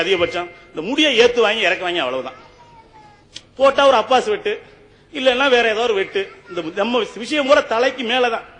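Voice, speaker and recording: A man's voice: extremely high pitch, sharp tone, long reverb tail. A man giving a humorous, rhetorical debate speech on stage and often turning to address the judge.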